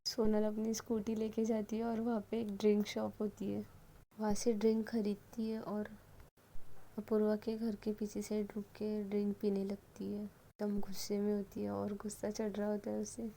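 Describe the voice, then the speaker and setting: Flat-voiced woman telling a love story. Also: mid-range voice, normal speed, creaky, low-quality recording. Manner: even storytelling. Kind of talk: narrated love story episode.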